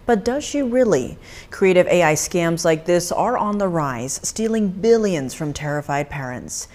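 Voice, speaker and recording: Low-voiced woman anchoring the news. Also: animated, unhurried, darkish tone. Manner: crisp scripted delivery. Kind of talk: news introduction.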